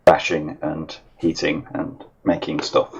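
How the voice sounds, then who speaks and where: A man's voice: rumbling low, completely flat delivery, slow pace, darkish tone, husky. A man chatting as a podcast co-host with dry, understated humor, his voice echoing as if he sits in a cavern. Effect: echoey cavern-like room sound. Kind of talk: casual chat. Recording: dull, lo-fi, echoey remote line.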